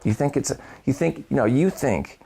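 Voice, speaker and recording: Dude doing a paranoid conspiracy guy, gravelly and husky, big dramatic pauses. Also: medium pitch, mellow. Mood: intense. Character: paranoid male conspiracy theorist. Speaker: conspiracy theorist interviewee. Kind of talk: deadpan mockumentary interview.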